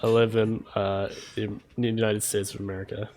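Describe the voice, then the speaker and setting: A man from Canada co-hosting a gaming podcast, talking in an easygoing, halting way. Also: fairly low pitch, little pitch movement, darkish tone, a little hiss or hum. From Oakville, Ontario, Canada. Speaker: podcast co-host. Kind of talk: casual podcast chat.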